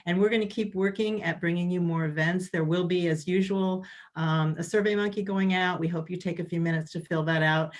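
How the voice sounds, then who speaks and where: Woman event organizer, slightly low voice, casual chatty sign-off on a video call, halting restarts. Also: steady tone. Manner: chatty, many ums and restarts. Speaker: event organizer closing a webinar. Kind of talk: casual closing remarks.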